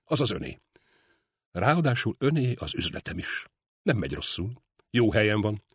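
A man voicing a gruff old butcher. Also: on the low side, very animated, fairly bright tone, exaggerated voice. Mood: stubborn. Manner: muttering, insistent. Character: grieving older male butcher, stubborn and gruff. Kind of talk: audiobook character reading.

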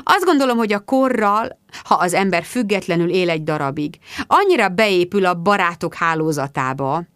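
A woman reading the lines of an earnest, reserved man in a measured way for an audiobook. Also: lowish voice, animated, a bit bright, smooth, no room sound, studio quality.

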